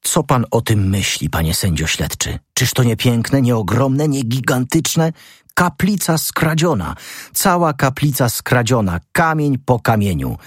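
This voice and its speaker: A man's voice: a little slow, dry recording, clean studio sound. A man doing an exalted young sleuth. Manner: rising to excited, high-pitched outbursts. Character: young male amateur detective, brash and exalted. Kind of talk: audiobook character reading.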